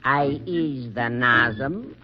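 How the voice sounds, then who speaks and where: An actor playing the Pied Piper, a mysterious male wanderer, speaking in a measured, courtly way in 1940s radio acting on a dull old broadcast. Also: mid-range voice, a little hiss or hum.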